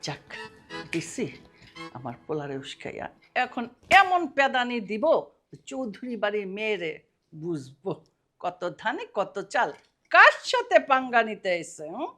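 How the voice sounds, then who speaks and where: An actress playing a middle-aged mother-in-law who mutters to herself in a slow, gloating way. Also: a little high, very animated, sharp tone, faint music behind, full character voice. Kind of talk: TV drama acting.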